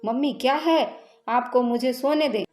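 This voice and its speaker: A woman's voice: mid-range voice, measured pace, echoey room, faint music behind, close to an everyday voice. Woman doing a sweet young bride. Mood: soft sweet. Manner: soft, sweet.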